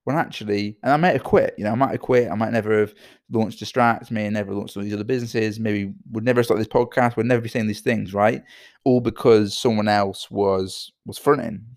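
A tired British man with a low, gravelly voice, hosting a solo podcast. He rambles, stacking fillers and repeating his words. The sound is close and dry, with no room around it. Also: fairly even intonation, brisk, no room sound. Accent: British English. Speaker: podcast host and entrepreneur.

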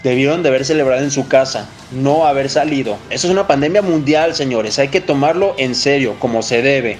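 A man's voice: mid-range voice, brisk, soft background music. A man with a Mexican accent hosting a football show, giving casual, blunt opinions in slangy, emphatic speech.

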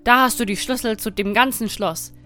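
A woman's voice: fairly high pitch, steady tone, moderate pace, pushed and bright, faint music behind. A woman voicing a stern, murderous nobleman who gives cold, threatening commands in a fairy tale reading. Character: stern, menacing nobleman Bluebeard, murderous husband.

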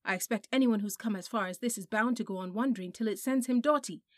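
A woman's voice: mid-range voice, quick pace, no room sound, studio quality, lightly acted. A woman voicing a stubborn, curious young boy who argues eagerly and insistently in a storybook reading. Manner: insistent and eager, rising to heated.

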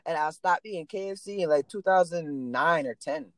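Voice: medium pitch, normal speed, a bit bright, no room sound, rough recording. A co-host, talking bluntly and profanely in a laid-back podcast chat. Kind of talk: casual smoke-session chat.

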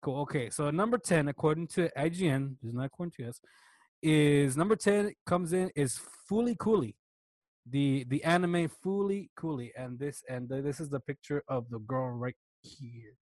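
A man's voice: fairly high pitch, normal speed, a little mellow, no room sound. A man co-hosting a casual podcast chat, talking hesitantly with many restarts. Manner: hesitant, lots of restarts and fillers. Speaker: podcast co-host.

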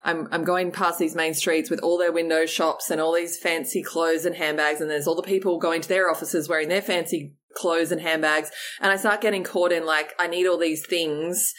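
Low-voiced woman, animated chat. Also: normal speed, hardly any pauses. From Australia. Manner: animated, laughs often, says like a lot. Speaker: guest, company CEO. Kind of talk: casual interview talk.

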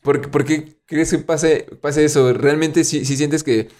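A man with a Mexican accent hosting a podcast, asking long rambling questions in a relaxed, slangy way. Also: on the high side, measured pace. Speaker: podcast host. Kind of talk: casual chat.

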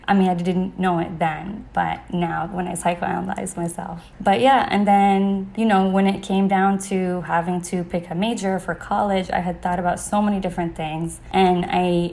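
A young woman from Saudi Arabia, a guest on a podcast, speaks in a slightly low voice. She tells her story in easygoing interview talk, dropping "like" and "you know" as she goes. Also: gravelly, darkish tone. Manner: conversational, peppered with "like" and "you know".

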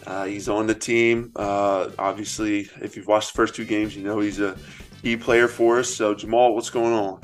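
A man's voice: on the low side, level tone, moderate pace, faint music behind. A young man, a student athlete, hosting a casual podcast and asking questions in a laid-back way. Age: young adult. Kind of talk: casual interview chat.

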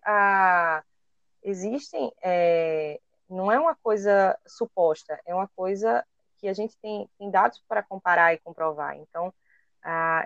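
A woman's voice: medium pitch, no echo. A woman with a Brazilian Portuguese accent, co-hosting an educational podcast and explaining carefully, with frequent hesitations as she searches for words. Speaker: co-host. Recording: dry, dull lo-fi recording.

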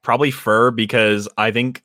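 A man's voice: medium pitch, fairly even intonation, normal speed, bright, forceful tone, no room sound, clean studio sound. A young man in casual banter with friends, teasing and rambling through his thoughts. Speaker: friend in a group chat.

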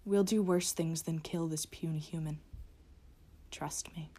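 A woman voicing a cold, menacing creature of the night, with loud threats that drop into hissing whispers. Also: low voice, fairly even intonation, a little slow. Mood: gloating. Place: closet.

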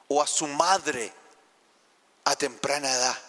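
A Chilean pastor preaching a heartfelt sermon, asking the congregation questions. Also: male voice, mid-range voice, slow, bright, forceful tone, in a large hall. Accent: Chilean Spanish. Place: church sanctuary.

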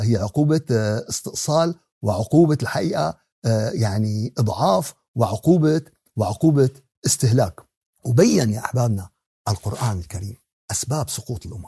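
A man's voice: mid-range voice, creaky, a little mellow, husky, dry recording, clean studio sound. A man with a Syrian Arabic accent giving a conversational Quran lesson, asking rhetorical questions and repeating key words as a preacher. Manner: conversational, with everyday examples and acted exchanges. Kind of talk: religious lesson on Quran exegesis, mixing classical recitation with colloquial talk.

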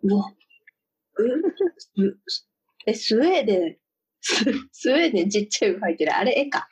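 A woman in relaxed casual chat with a friend, trying out odd sounds and laughing along. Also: medium pitch, normal speed, breathy edge. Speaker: co-host. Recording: dull lo-fi recording.

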